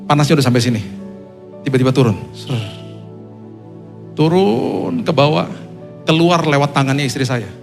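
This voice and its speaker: Dramatic pastor preaching over soft music. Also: male voice, normal speed, vocal fry, pauses often. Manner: dramatic storytelling, voice climbing high when excited. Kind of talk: sermon testimony.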